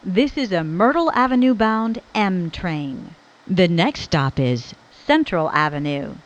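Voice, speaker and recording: A woman delivers recorded transit announcements through a dull, lo-fi speaker. Her pace is very slow and her pitch fairly low yet varied, with stilted phrases that sound spliced together from separate words. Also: big pitch swings. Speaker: train announcer.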